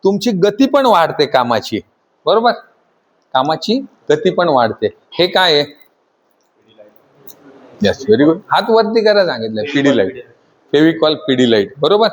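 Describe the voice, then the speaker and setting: Guy teaching a class, high-ish voice, keeps firing questions at the students, wants them louder. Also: sing-song, unhurried, pauses often. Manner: asks the class constant questions and pushes them to answer louder. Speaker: trainer addressing students. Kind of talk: classroom lecture. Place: training institute classroom.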